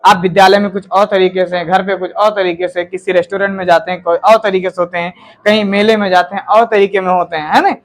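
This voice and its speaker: Speaking quickly in a high but level voice, a man leads a chatty, classroom-style grammar lesson, pausing to check in with listeners and voicing example sentences in a range of tones.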